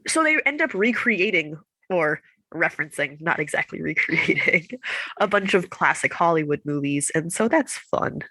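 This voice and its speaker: Animated woman with a stuffy, blocked nose. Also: low-pitched, moderate pace, breathy edge, no room sound, rough recording. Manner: playful, animated, laughs easily. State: nasally congested, unable to breathe through nose. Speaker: book podcast co-host. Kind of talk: casual chat.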